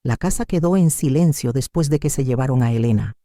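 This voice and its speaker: Mellow, dramatic storyteller woman. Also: rumbling low, fairly quick, no room sound, clean studio sound. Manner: dramatic, emotional reading. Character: woman of 75 telling her own story. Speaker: story narrator. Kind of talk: first-person dramatic story narration.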